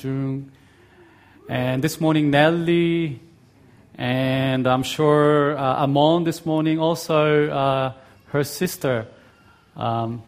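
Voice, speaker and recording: A middle-aged guest pastor from South Korea delivers a sermon in English, his accent mixing Korean, Australian and American influences. His voice is a little high, and his delivery is friendly and halting, full of ums and uhs.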